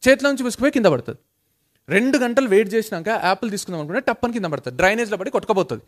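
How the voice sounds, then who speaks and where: Male motivational speaker, emphatic and repetitive, high voice, rapid delivery. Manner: emphatic, repeats phrases, mixes in English. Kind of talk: motivational storytelling.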